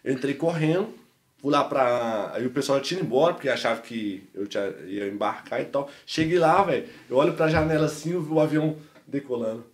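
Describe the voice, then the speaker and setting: A Brazilian man with a Mineiro accent, a podcast guest telling a personal story in an animated, slangy way. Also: medium pitch, a little fast, roomy sound. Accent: Mineiro Brazilian Portuguese. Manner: animated, slangy, peppers speech with "mano" and "velho". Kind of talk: casual storytelling testimony.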